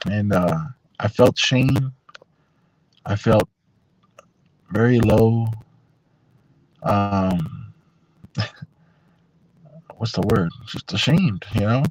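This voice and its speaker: A man telling a personal story on a live stream in a rambling, unhurried way, full of fillers and restarts. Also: fairly low pitch, darkish tone, low-quality recording.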